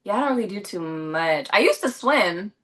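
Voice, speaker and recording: Speaking at normal speed in an expressive, medium-pitched voice that's a bit bright, a young adult actress from Los Angeles answers interview questions as a guest. She's chatty, with many fillers and self-corrections.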